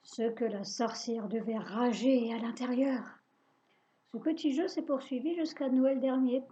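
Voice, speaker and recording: A woman reading a children's story aloud in a lively, playful, suspenseful way, on a dull lo-fi recording. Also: on the high side, unhurried.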